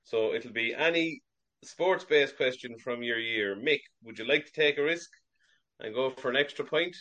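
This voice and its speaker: A man hosts a sports quiz over a video call. He reads each question at a measured, steady pace and keeps score plainly. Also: mid-range voice. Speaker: quiz master.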